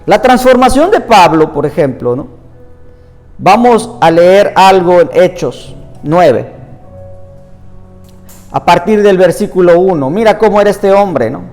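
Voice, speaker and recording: A man's voice: high voice, expressive, unhurried, long pauses. A man preaching a sermon in Spanish, earnest, reading scripture aloud at length. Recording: reverberant room with soft music behind.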